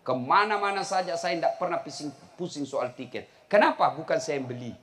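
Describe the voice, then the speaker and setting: A middle-aged man giving a humorous sermon to a live audience, telling stories and shouting the punchlines. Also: fairly high pitch, brisk. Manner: animated storytelling, shouting punchlines with laughter. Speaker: preacher. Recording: live event with crowd and faint noise. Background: crowd laughter.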